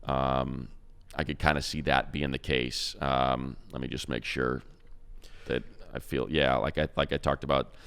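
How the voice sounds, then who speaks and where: At a measured pace, a man with a very deep, smooth, clear voice rambles casually about football as a podcast co-host who also does radio play-by-play. He keeps restarting sentences and repeating words, stumbling a bit as he relaxedly thinks out loud.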